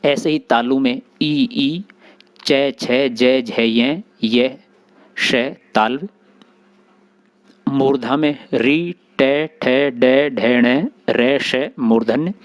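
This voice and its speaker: Slow, deliberate male grammar teacher. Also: mid-range voice. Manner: slow, deliberate, spelling out sounds one by one; recites short Sanskrit grammar rules. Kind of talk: explanatory lesson.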